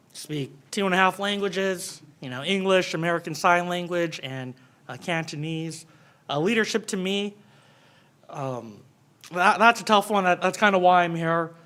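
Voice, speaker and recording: Bright, higher-pitched man speaking informally. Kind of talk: informal self-introduction to an audience.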